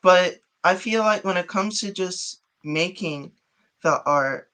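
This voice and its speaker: A chatty, giggly man from Chicago talks about his art as an interview guest. His voice sits a bit high, with a bright, forceful edge and a smooth, clear tone. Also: takes it slowly. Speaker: guest artist and rapper. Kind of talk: casual interview chat.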